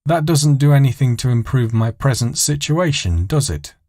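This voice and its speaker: A man plays a prim British woman traveller in an audio story, fussy and bitter. Her complaints move up and down in pitch, with a dry, close recording. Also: expressive, normal speed, a little mellow, no room sound. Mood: complaining.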